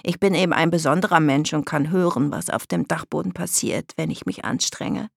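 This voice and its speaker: An audiobook reader voicing a calm, self-assured half-vampire girl who speaks softly and sometimes in a hush, with a husky voice. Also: medium pitch, fairly quick, no room sound, clean studio sound. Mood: calm retort. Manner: hushed, whispering at times, calm. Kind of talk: audiobook character reading.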